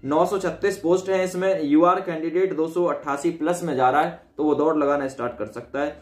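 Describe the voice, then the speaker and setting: A man with a fairly high voice presents an exam-update video, speaking a little fast with fairly even intonation. He gives informal commentary explaining recruitment cut-offs, rephrasing points and checking in with his listeners. The room is echoey and reverberant.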